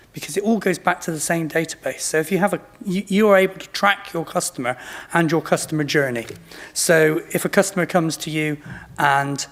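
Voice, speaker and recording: Male, late 50s, modern British RP accent, slightly raised pitch, presenting a product informally as a company representative. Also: a bit bright. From Bristol, England. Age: late fifties.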